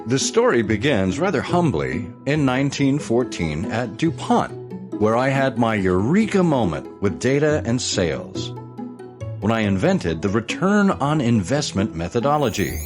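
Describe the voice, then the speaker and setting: Over music, an actor voices the pompous, excitable ghost of an old-time explosives salesman, narrating an audio musical in grandiose, old-fashioned language. His medium-pitched voice is unhurried, and the mood is grand and jovial.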